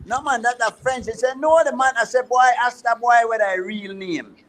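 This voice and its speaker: Very high-voiced Belizean Creole-accented man. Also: fairly even intonation, normal speed, fairly bright tone. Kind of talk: casual chat.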